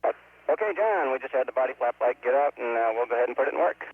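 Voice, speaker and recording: A man's voice: medium pitch, lively intonation, fast talker, slightly rough. A man speaking as a shuttle commander over a crackly air-to-ground radio transmission, in clipped radio procedure talk. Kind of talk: live mission radio exchange. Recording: tinny, dry lo-fi radio link.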